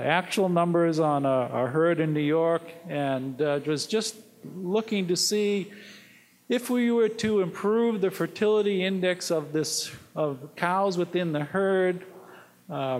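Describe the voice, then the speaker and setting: Man, technical talk, halting with fillers, slightly high voice, long hall echo. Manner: halting, many filler words. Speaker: conference speaker on dairy genetics. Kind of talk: technical presentation.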